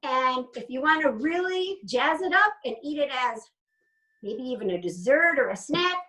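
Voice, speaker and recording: Cooking-class host, woman, chatty and explanatory, higher voice, mic at a distance. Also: lively intonation, normal speed, sharp tone. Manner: chatty, explains as she goes. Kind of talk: casual cooking demonstration.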